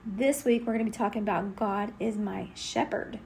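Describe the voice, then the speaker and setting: Gravelly-voiced woman teaching scripture. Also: medium pitch, steady tone, normal speed, a little mellow, a little hiss or hum. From Texas. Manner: earnest, conversational, with fillers. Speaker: Bible teacher. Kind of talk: devotional teaching.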